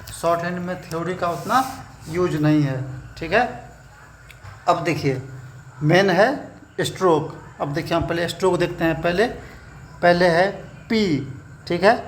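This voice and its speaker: A man teaching a shorthand class, explaining slowly and checking in with "theek hai" after every point. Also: fairly high pitch, a little hiss or hum. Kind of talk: classroom lesson.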